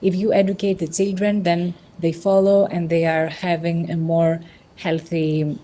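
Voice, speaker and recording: Earnest Greek-raised woman, mellow low voice. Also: level tone, a little slow. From Greece. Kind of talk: panel discussion.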